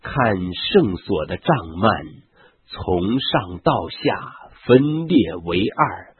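A man slowly reading a Bible passage aloud in a measured way, with a husky voice. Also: on the low side, big pitch swings, dry recording. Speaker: scripture reader. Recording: tinny phone-like, dry sound.

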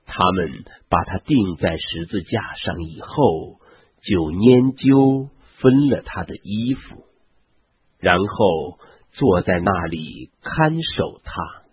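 A man reads a Bible passage in a husky, low voice. His pitch rises and falls widely while his pace stays unhurried. The sound is dry and narrow, like a phone line. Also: expressive, no room sound. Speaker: scripture reader.

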